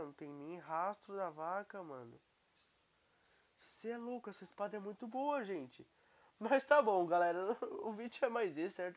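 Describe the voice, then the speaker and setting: A young man with a Brazilian Portuguese accent, commenting casually and excitably on his gameplay while he has a cold. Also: on the high side. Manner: excitable, exclaiming at the screen. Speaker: gaming YouTuber.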